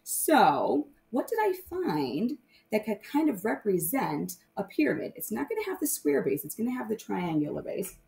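A primary math teacher explains things informally to young children, frequently checking in with short tag questions. Her voice is lowish and creaky, a little mellow.

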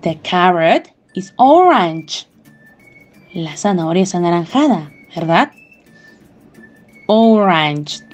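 Woman, preschool teacher, slow and very animated, faint music behind. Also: on the low side. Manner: slow, sing-song, exaggerated teacher voice with gasps of surprise. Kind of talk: bilingual lesson for small children.

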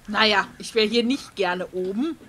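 A woman's voice: medium pitch, normal speed, a bit bright, a little hiss or hum. A woman giving casual gameplay commentary as a let's play host, chatty and musing aloud.

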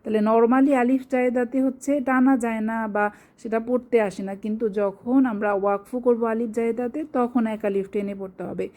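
Woman tutor, Bangladeshi Bengali accent, soft dark tone, slightly high voice, patient step-by-step explaining. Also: fairly even intonation, brisk. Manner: patient explaining with check-ins to listeners. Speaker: Quran recitation teacher. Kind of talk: online tajweed lesson.

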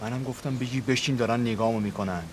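An actor playing a sly, bold kidnapper who taunts his boss, often speaking in a hushed voice. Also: mid-range voice, steady tone, background noise, lightly acted. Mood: taunting.

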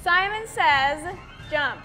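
A woman's voice: high voice, expressive, drawn-out words. A woman hosting a challenge game in a playful, teasing way, with music playing underneath. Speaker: challenge video host. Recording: background music.

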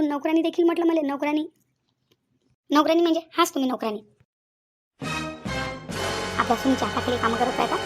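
Woman voicing squabbling village aunties in a cartoon, high voice, rattles off accusations super fast. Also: natural voice. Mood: quarrelling. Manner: shrill, accusing, bickering. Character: quarrelsome middle-aged village women, bickering. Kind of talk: cartoon voice acting.

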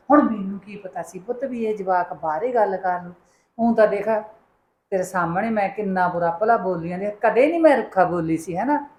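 A woman's voice: mid-range voice, lightly acted. A woman playing a mother who coaxes and counsels her son, sometimes firmly. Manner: coaxing, motherly, rising to firm scolding. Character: middle-aged mother, calm then firm with her son. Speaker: mother in a short film. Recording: echoey room.

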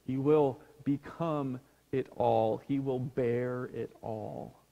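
Guy pastor giving a sermon, real slow, quiet, trails off to near whispers, churchy reverb. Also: mid-range voice, steady tone, creaky, dull audio. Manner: slow, hushed, dropping to near whispers on key words. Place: church sanctuary.

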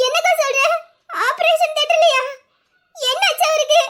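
A woman's voice: very high-pitched, a little fast, a bit bright. A woman voicing a frantic young woman who pleads through tears to be taken to the man she loves. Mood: tearful insistence. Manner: pleading, insistent, near tears. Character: young woman, frantic and tearful, desperate to see her love. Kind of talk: Tamil audio drama acting.

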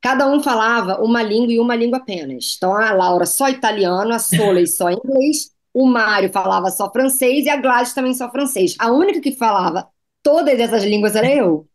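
A Brazilian woman with a Brazilian Portuguese accent, a fashion designer telling lively anecdotes as a guest in a TV interview. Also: fairly high pitch, fairly quick. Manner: lively anecdotes, slips into foreign phrases. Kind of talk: TV interview storytelling.

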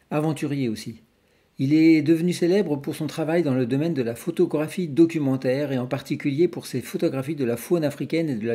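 A man, presenting a book for sale in an informal, halting way as a bookseller. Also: on the high side, warm tone. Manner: halting, informal, pauses to search for words.

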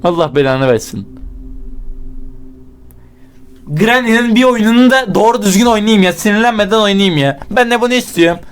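High-voiced man swearing through a horror game. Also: expressive, moderate pace, pauses often, smooth. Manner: profane, shouts in fright, swears at the game; talks to himself and the game. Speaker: gaming YouTuber. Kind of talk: casual let's-play commentary.

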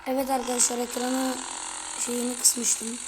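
A woman with a somewhat high voice talks her way through a driving game in quick, chatty bursts, calling out to her viewers as she plays. Her tone is excitable and casual. Noisy game sound runs loud under her voice. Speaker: gaming video creator. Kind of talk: casual gameplay commentary.

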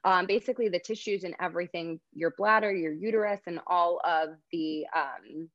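A woman's voice: lowish voice, steady tone, moderate pace, a bit bright, no echo, muffled recording. A young pregnant woman, a fitness trainer, giving earnest advice in a casual interview chat.

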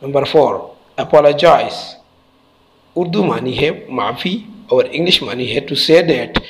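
A man's voice: mid-range voice, expressive, slow pace, slight background noise, low-quality recording. A man teaching a textbook lesson, spelling out letters and repeating each word carefully.

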